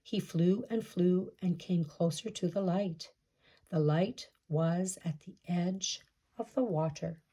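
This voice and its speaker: A woman storyteller reads a picture-book folktale aloud in a measured way, putting questions to her listeners. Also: lowish voice, warm tone, husky.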